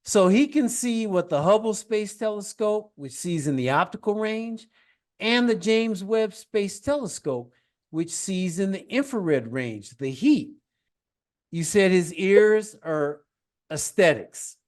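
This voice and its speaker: A man's voice: high voice, animated, takes it slowly, darkish tone. A man teaching a one-on-one science lesson, patient and encouraging, guiding his student with questions and praise.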